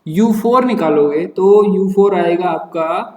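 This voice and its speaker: A man's voice: high-pitched, a little slow, a little mellow, roomy sound, long reverb tail, distant mic. A man teaching a maths lesson online. He explains each step, mixes English terms into his speech and puts questions to his students.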